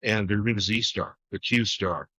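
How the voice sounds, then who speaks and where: A man's voice: fairly low pitch, steady tone, normal speed, sharp tone, no echo, lo-fi sound. A man who teaches golf, explaining technique in a casual podcast chat. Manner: explanatory, instructive.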